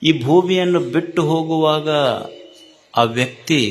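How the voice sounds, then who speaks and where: A man giving a sermon at a gathering, slow and repetitive, rising to emphatic calls. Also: fairly high pitch. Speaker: spiritual speaker.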